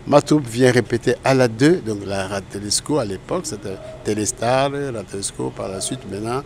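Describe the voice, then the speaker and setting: A man's voice: lowish voice, fairly quick, background noise. An older man from Congo, a guest in an interview, telling his story in a rambling way and often correcting himself. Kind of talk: casual interview recollection.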